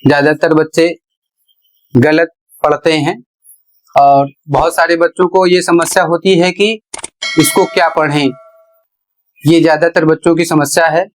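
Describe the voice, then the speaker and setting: A man's voice: on the high side, steady tone, a little hiss or hum, rough recording. Patient male teacher at a board. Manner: asks a question, then answers it himself; slow, patient and repetitive. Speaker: English teacher. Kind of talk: blackboard lesson.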